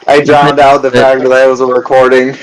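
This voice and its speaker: A man's voice: mid-range voice, completely flat delivery, a little fast, poor audio. A blunt, matter-of-fact male player at a tabletop game with an average mid-range voice. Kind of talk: casual game chat.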